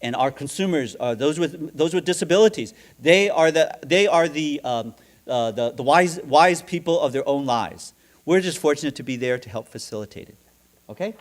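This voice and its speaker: A middle-aged man giving a conference talk in a seminar room, often pausing and repeating words and putting questions to the audience. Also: on the high side, animated. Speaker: seminar speaker.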